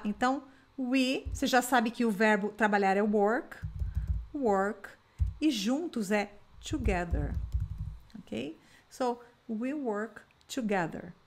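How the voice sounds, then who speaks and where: Brazilian woman, English teacher, friendly chatty delivery, slightly high pitch, careful slow model phrases. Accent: Brazilian Portuguese. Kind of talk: online English lesson.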